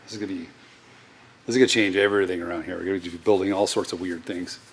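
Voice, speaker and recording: A man's voice: sits low, steady tone, rapid-fire, a little hiss or hum, poor audio. A man chatting casually in a machine shop, rambling with fillers and restarts as he shows off new equipment.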